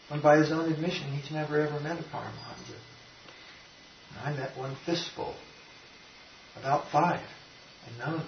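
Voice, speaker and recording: A man's voice: fairly high pitch, creaky. An older man, a spiritual teacher, giving an informal devotional talk in a rambling, emphatic way with frequent restarts. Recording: roomy, distant, dull lo-fi sound with faint noise.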